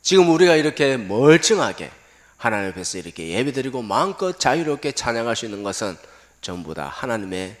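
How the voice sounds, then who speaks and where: A middle-aged man preaching a sermon as pastor, telling a story and questioning the congregation with rising, shouted lines. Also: mid-range voice, very animated, a little fast.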